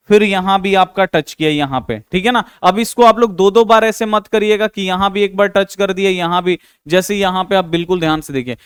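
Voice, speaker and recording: A male math teacher who speaks in a high, very crisp voice. He walks through each step of a class 10 problem, patiently repeating himself and addressing his students as "babu". The recording is dry and close. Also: no room sound. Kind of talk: explaining a class 10 math exercise.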